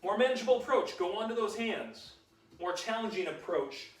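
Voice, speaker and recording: Male fitness instructor, high voice, upbeat and encouraging, calls countdowns, recorded from a distance. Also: expressive, normal speed, faint music behind. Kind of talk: live workout coaching with countdown cues. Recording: roomy sound, mic at a distance.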